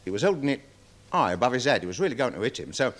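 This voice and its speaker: An actor playing a nervous, deferential security guard testifying in a 1970s television courtroom drama, rambling with many fillers. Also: male voice, medium pitch, very animated, very fast, fairly bright tone. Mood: worried, defensive. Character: nervous security guard witness, dog handler. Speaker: witness in court.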